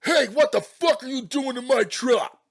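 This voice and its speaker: A man doing a furious yelling young husband. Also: very high voice, moderate pace, slightly rough, voice pushed up, heavily acted. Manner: shouting, aggressive.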